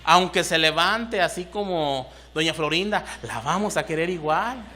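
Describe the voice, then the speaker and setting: A man's voice: fairly high pitch, animated, normal speed, bright, forceful tone. A man with a Mexican Spanish accent preaching a sermon to a congregation, rising into emphatic bursts and asking the room questions. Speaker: pastor. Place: church hall.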